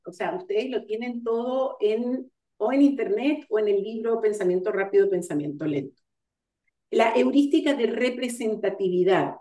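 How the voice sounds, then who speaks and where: A woman giving an online lecture on coaching, explaining ideas step by step and pausing with fillers to gather her thoughts. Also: a little high, dark tone. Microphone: video call. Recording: roomy sound, far from the mic.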